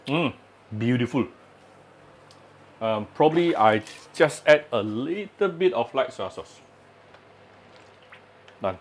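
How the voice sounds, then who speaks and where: A man with a mid-range, expressive voice hosts a casual home cooking channel, standing at the stove in his home kitchen. He takes it slowly, pausing often and saying "uh" a lot as he chats and explains his steps, with slight background noise.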